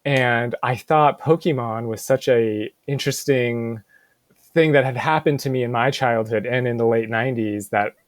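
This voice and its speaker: Speaking in a mid-range voice with no echo, this American podcast co-host, a thirtysomething bookstore manager from suburban Seattle, chats in a relaxed, reflective way. He frequently stops to search for words, and "like" crops up constantly.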